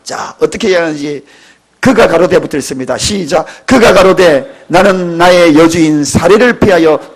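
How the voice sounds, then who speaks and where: A high-pitched, husky-voiced pastor in his fifties delivers an emotional church sermon. He swings between quiet asides and dramatic, near-tearful cries. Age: 50s. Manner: emotional, dramatic preaching with sudden loud cries. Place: church sanctuary.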